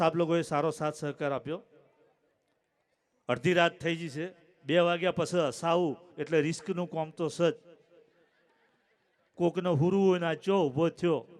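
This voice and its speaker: A man's voice: a little high, steady tone, measured pace, pauses often. A man doing stand-up jokes at a late-night folk stage show, chatty and acting out both sides of each joke's dialogue. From Gujarat. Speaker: comedian.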